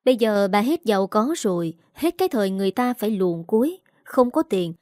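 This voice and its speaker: Woman storyteller, steady reading, warm dark voice, dry close mic. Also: mid-range voice, a little fast, no echo. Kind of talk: scripted story narration.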